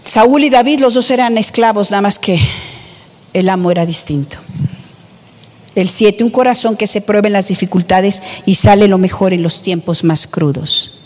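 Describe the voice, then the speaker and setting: A woman's voice: mid-range voice, darkish tone, long reverb tail. A woman preaching a sermon, emphatic, with rhetorical questions to the congregation.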